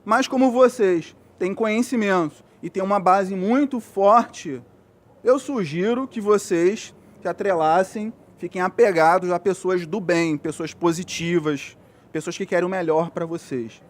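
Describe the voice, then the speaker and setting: A Brazilian man gives young athletes an earnest, insistent motivational speech in a Brazilian Portuguese accent. His voice sits high for a man and he speaks a little slowly, circling back to the same points and checking that his listeners are following.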